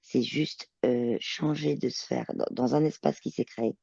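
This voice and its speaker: A woman working as a telepath, describing her visions in a channeling session, halting and searching for words. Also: extremely low pitch, steady tone, vocal fry, dark tone, breathy edge, no echo, highs cut off. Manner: hesitant, searching for words, many fillers.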